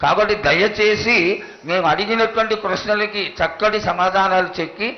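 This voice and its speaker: A man with a high-pitched voice makes a formal devotional plea. He speaks reverently in short, halting phrases, on a dull, lo-fi recording. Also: steady tone, a little hiss or hum. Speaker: ritual questioner addressing the oracle.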